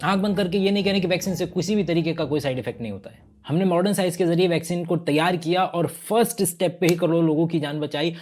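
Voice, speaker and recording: Science host, male, mellow dark tone, chatty explainer with rhetorical questions. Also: on the high side, fast talker, hardly any pauses, faint music behind. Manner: conversational, uses rhetorical questions and everyday examples. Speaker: science educator, channel host. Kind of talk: explanatory video monologue.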